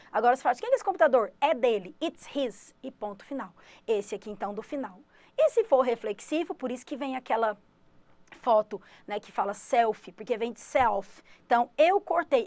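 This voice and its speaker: A woman's voice: on the high side, no echo. A Brazilian woman teaching English in a studio, explaining grammar energetically to students in a live online exam-prep class. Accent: Brazilian Portuguese. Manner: energetic, emphatic, shifts between explaining and quoting students.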